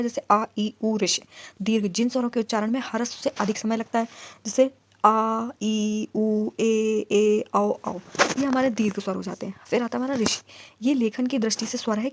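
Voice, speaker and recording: A woman teaching an exam-prep grammar lesson, putting questions to the class and answering them herself, and reciting letter sounds in slow lists. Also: on the high side, a little mellow, no echo.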